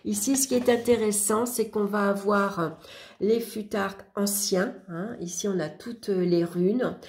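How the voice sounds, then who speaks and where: A woman's voice: medium pitch, fairly even intonation, a little slow, a little mellow. A woman giving a casual flip-through review of a workbook, talking in a chatty way with many fillers and restarts. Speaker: YouTuber reviewing a spiritual workbook.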